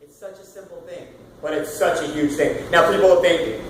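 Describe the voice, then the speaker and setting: Loud guy in his 30s coaching singers, bit high voice, echoey room, mic far off, room noise. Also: a little fast. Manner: loud, animated, swears casually, demonstrates with sung sounds. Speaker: vocal coach. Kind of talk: casual workshop teaching.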